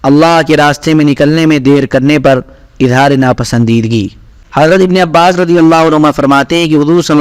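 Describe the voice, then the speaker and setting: A man reading aloud scripted narration of religious stories in a steady, even manner. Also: fairly high pitch, clear, resonant tone, no room sound. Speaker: reader.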